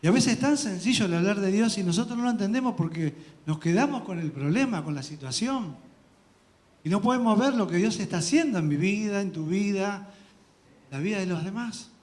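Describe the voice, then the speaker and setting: A man with an Argentine accent preaching a sermon in a church, earnest and personal, giving testimony with soft laughs and restarts. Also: high-pitched, animated, a little fast. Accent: Argentine Spanish.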